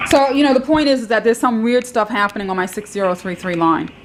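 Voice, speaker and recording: A woman's voice: fairly high pitch, fairly even intonation, fast, a little hiss or hum. A woman calling tech support, talking in a rambling, insistent way and repeating herself. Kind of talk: phone call recorded by caller.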